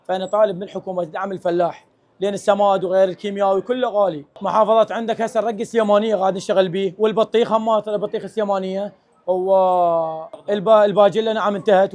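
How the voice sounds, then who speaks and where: A man's voice: high-pitched, darkish tone. A man with a western Iraqi Arabic accent, a produce seller talking casually in a market interview.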